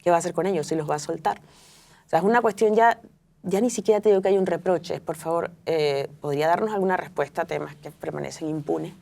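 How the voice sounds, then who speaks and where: In an interview conversation, a middle-aged Venezuelan author speaks fast in a warm, gravelly, lowish voice, reflecting as she goes and frequently restarting sentences amid fillers.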